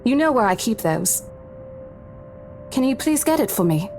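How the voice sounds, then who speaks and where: A woman's voice: a little high, very animated, moderate pace, darkish tone. An actress playing a courteous, accommodating professional woman real estate agent in a visual novel, speaking with formal politeness. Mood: courteous, apologetic. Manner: formal, deferential customer-service politeness. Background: faint game music.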